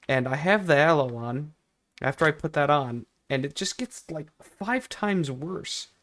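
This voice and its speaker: A man's voice: fairly high pitch, expressive, a little slow, fairly bright tone. A young man telling a personal story in a casual vlog style, rambling and repeating himself with emphatic, exaggerated complaint. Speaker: video creator.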